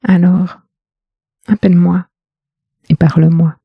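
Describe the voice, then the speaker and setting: Slow, intimate woman podcaster. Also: lowish voice, level tone, creaky, phone-quality sound. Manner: intimate, questioning, addresses the listener directly. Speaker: podcast host, communication coach. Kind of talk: scripted poetic monologue.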